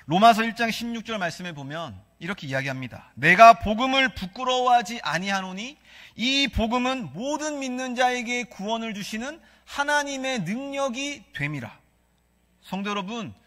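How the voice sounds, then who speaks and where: In a church sanctuary with the long reverb of a church hall, a male pastor with a Gyeongsang Korean accent preaches in a very high, animated, fairly bright voice at a moderate pace. He poses questions to the congregation and leads them in reading scripture aloud.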